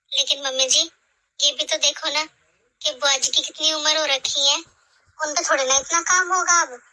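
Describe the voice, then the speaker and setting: Woman doing a sweet young bahu, gentle and pleading, high very bright voice, cartoon family drama. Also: rough recording. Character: kind, caring young daughter-in-law. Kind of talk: animated family drama voice acting.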